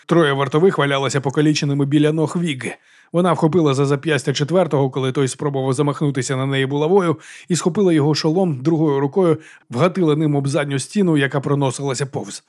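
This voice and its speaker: A man narrating a fantasy audiobook in a brisk, tense storytelling manner. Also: a little high, darkish tone.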